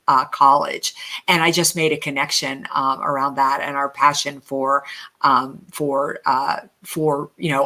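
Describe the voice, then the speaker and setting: A woman's voice: low voice, sharp tone. A woman co-hosting a sales podcast, chatty and talking casually with many fillers. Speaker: podcast co-host.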